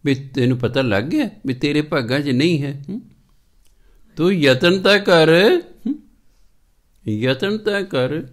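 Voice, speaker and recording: A Punjabi-accented man delivering a sermon at a mid-range pitch. He chants scripture slowly, then explains it with rhetorical questions and little acted-out scenes from home life. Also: creaky. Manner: lively, rhetorical questions, acts out everyday dialogue. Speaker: Sikh preacher giving scripture commentary.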